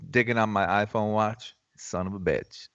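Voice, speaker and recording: A man's voice: on the low side, steady tone, moderate pace, fairly bright tone, dry recording, dull audio. A man hosting a casual trading livestream, teasing his co-hosts and swearing freely. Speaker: stock trading stream host. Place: home, in Florida.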